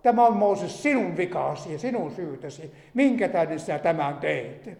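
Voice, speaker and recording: A man's voice: fairly high pitch, animated, gravelly, a little mellow. A man voicing a grumbling crowd of Israelites who angrily blame their leader, in an echoey hall. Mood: complaining. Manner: accusing, complaining.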